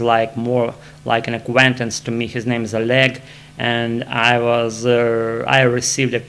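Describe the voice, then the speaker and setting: A man with a Russian accent, a native Russian speaker, talking casually to camera from his armchair at home while in back pain, halting often with fillers and restarts. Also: medium pitch, vocal fry, bright, forceful tone, slight background noise. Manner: hesitant, many fillers and restarts. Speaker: vlogger practicing English. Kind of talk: casual self-recorded monologue.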